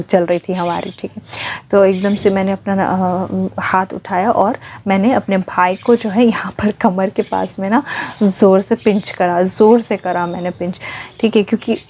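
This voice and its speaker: A woman vlogger casually recounting her own ghost experience, speaking very softly and mixing in English words. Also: medium pitch, slight background noise. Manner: speaks very softly, near a hush; mixes in English words, frequent fillers like okay. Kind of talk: casual first-person storytelling.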